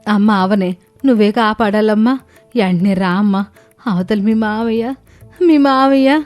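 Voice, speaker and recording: A woman voicing a scheming, loud, accusing middle-aged village mother-in-law. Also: medium pitch, unhurried, soft background music, close to an everyday voice. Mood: pleading.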